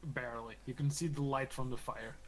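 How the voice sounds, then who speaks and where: A man running a tabletop game as game master, relaxed and joking, often laughing. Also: mid-range voice, fairly quick, slight background noise, poor audio.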